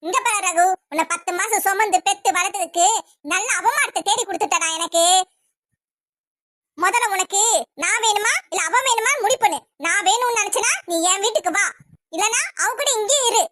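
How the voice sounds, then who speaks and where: A woman's voice: very high-pitched, moderate pace, bright, forceful tone, no room sound, studio quality. A woman voicing a domineering, quarrelsome old mother-in-law in a cartoon who scolds and insults the family. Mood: scolding.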